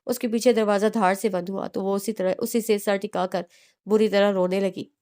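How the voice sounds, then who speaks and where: A woman's voice: medium pitch, steady tone, normal speed, mellow, clear, resonant tone. A woman narrating a romance novel as an audiobook, reading steadily with small restarts.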